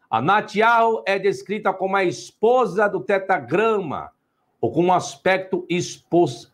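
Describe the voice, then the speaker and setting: A middle-aged Brazilian man gives a livestream lecture in a fairly high voice that rises and falls with wide swings. He talks emphatically, fires rhetorical questions at his viewers and scolds them now and then. When he reads out his source texts he slows his pace. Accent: Brazilian Portuguese. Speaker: online teacher and channel host.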